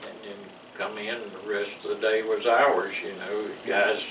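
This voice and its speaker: In a fairly low, slightly bright voice with a level tone and moderate pace, an older Southern veteran reminisces about his service for an interviewer. He wanders in a folksy way, chuckling between tales, recorded in an echoey room with a distant mic and clear background noise.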